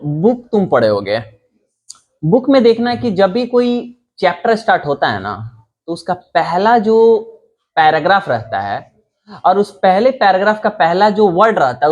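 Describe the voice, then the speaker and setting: High-voiced male computer teacher. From India. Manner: explains with rhetorical questions to the class. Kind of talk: classroom lesson.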